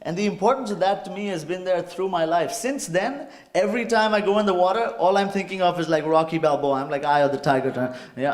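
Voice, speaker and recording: Guy from india telling a story on stage, bit high voice, echoey hall, acts it all out. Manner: animated, acts out suspense with sound effects. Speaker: speaker. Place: stage before a live audience.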